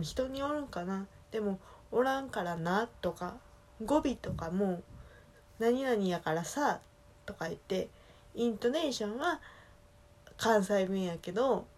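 A woman from Osaka with a soft Kansai accent talks on her own in a chatty, meandering way. Her voice sits a little low, and she stops and corrects herself now and then. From Osaka, Japan. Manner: chatty, rambling, self-correcting. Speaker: solo podcast talker. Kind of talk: casual solo chat.

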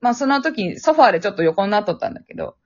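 She talks very fast in a sing-song, medium-pitched voice with a darkish tone. The young woman, a podcast co-host with a Kansai accent, tells a spooky story chattily, breaking into laughter often and voicing phone calls. Her phone-app recording is dull and lo-fi.

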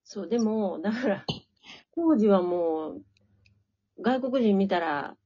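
A woman guest in a casual chat, calm, mostly giving short agreeing replies. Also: medium pitch, takes it slowly, slightly rough. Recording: dull lo-fi sound.

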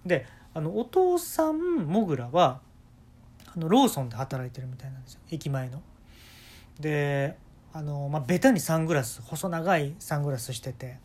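A man with a Kansai accent telling an absurd story in a rambling, deadpan way as the host of a talk show. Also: a little high, normal speed. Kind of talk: comic storytelling monologue.

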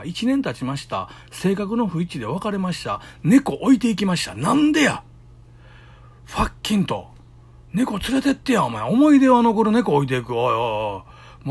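A man's voice: on the high side, a little mellow, slightly rough. A middle-aged man with a Kansai accent, chatting alone into his podcast and acting out the voices in his stories. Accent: Kansai Japanese. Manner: chatty storytelling, acts out quoted voices. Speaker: solo podcaster. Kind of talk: casual solo talk.

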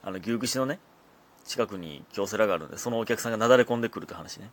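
A man's voice: lowish voice, racing. A man with a Kansai accent hosting his own casual solo talk show, chatty and often laughing as he talks. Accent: Kansai Japanese. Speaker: comedian podcast host.

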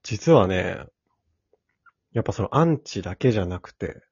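A man's voice: on the low side, animated, normal speed, darkish tone, breathy edge, no echo. A man hosting a casual podcast, reading listener letters aloud and laughing easily. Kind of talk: casual chat. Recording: dull lo-fi dry recording.

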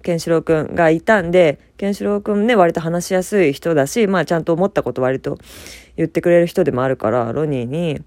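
A woman's voice: low voice, quick pace, a little mellow, dry recording. A young woman from Fukuoka hosting a casual solo talk, chatty and self-deprecating, laughing often as she speaks. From Fukuoka, Japan. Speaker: podcast host.

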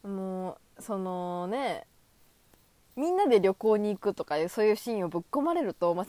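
Casting: woman in her 20s, solo podcast chat, animated and giggly, swooping pitch, dry close mic. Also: no room sound. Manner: animated, high-energy, acts out imagined dialogue; self-deprecating, giggly. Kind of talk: casual solo monologue.

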